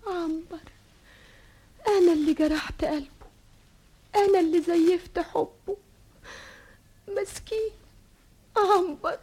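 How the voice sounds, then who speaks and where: A woman's voice: very high-pitched, measured pace, long pauses, mellow. An actress with an Egyptian Arabic accent playing an anguished young woman who tearfully pleads with her troubled lover. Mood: pleading tearful. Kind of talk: Egyptian TV drama acting.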